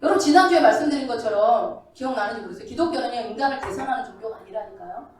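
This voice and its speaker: A woman's voice: fairly high pitch, expressive, racing, crowd noise. A woman pastor preaching a sermon in a church, asking the congregation questions. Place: church sanctuary. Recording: very echoey, distant from the mic.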